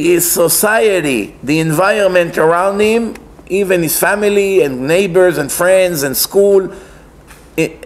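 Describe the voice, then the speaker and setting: A male rabbi with a high voice and Israeli accent lectures from a seat at a lectern inside a wood-panelled synagogue. The talk is conversational preaching, explanatory and emphatic, full of rhetorical questions and repeated phrases.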